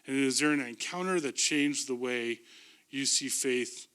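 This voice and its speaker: A man standing up front in a church, handing off to a panel of speakers. His voice is bright and smooth, and he fills his pauses with ums and uhs. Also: medium pitch. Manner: hesitant, many fillers. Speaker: church leader moderating the panel. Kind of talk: introducing panel questions in church. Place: church sanctuary.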